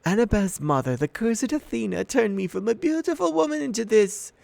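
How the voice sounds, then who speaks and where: Menacing old monster lady, soft purring coax, raised pitch, a male narrator puts her on. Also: very animated, normal speed, gravelly, dry recording, heavily acted. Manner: purring, coaxing. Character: sweet-voiced old female monster, menacing. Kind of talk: audiobook character voice.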